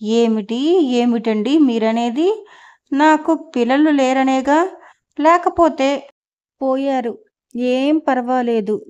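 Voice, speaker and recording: A woman's voice: sits high, darkish tone, smooth, highs cut off. A woman reader voicing a furious, proud middle-aged wife who scolds and confronts her husband in an audio novel.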